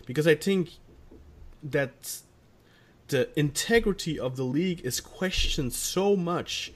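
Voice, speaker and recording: A man's voice: fairly high pitch, slow pace. A male podcast co-host talking football in a rambling, casual way, often restarting his sentences. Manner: rambling, restarts often, self-aware about stuttering.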